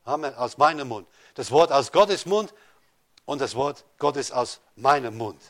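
A pastor preaches a sermon in an expressive, unhurried, mid-range voice. He addresses his listeners directly with rhetorical questions, his delivery swinging between loud rises and soft drops.

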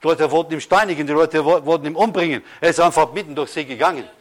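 Emphatic preaching pastor, slightly high voice. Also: male voice. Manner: preaching with emphatic slow stresses and rhetorical questions. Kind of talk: sermon.

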